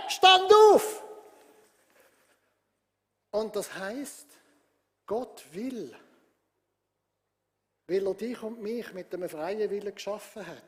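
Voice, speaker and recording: High-voiced Swiss pastor preaching. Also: male voice, long reverb tail. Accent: Swiss German. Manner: emphatic, repetitive preaching that swells in loudness. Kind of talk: sermon.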